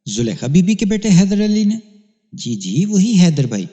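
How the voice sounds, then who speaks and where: A man's voice: sits high, very animated, dark tone, big-room sound, pitched above the performer's own voice. A man voicing an innocent, earnest eight-year-old boy with a raised, eager voice in a read-aloud crime story. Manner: eager, naive replies.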